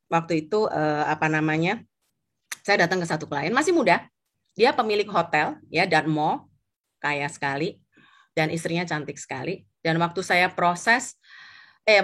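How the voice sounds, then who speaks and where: A middle-aged woman from Indonesia, an insurance agent telling anecdotes on a live stream, acting out the voices of the people in her stories. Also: medium pitch. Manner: animated storytelling, acts out quoted voices. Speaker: insurance agent sharing experience.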